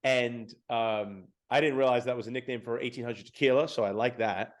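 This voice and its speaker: A man's voice: mid-range voice, steady tone, fairly quick. A man in his thirties co-hosting a music podcast, chatting casually with many fillers and self-deprecating asides. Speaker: podcast co-host. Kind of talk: casual chat.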